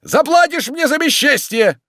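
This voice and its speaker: A man voicing a coarse, bullying middle-aged man who shouts insults and accusations. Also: very high-pitched, sing-song, measured pace, no echo, clean studio sound, pitched above the performer's own voice, exaggerated voice. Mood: yelling.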